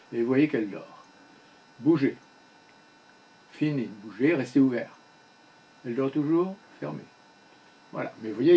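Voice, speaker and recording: A man's voice: medium pitch, slightly rough, lo-fi sound. Older man coaching patiently, short commands. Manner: patient, gives short spoken commands, often asks "you see?". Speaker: speech therapy instructor. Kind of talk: one-on-one coaching session.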